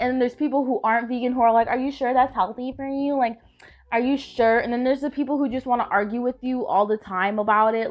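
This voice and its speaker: A tired, sick young woman vlogging from her bed, ranting in an exasperated, casual way, full of "like". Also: on the high side. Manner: exasperated, filler-heavy rant full of "like".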